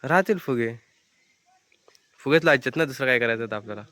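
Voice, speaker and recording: A man's voice: mid-range voice, expressive, fast, bright, forceful tone. Chatty man narrating a birthday vlog. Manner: chatty, playful, keeps pointing things out to viewers. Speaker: vlogger showing birthday preparations.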